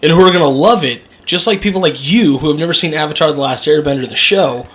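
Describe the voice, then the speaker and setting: A man with a hoarse voice from a lingering cough, ranting sarcastically as a podcast co-host in casual chat. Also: a little high, quick pace, a bit bright.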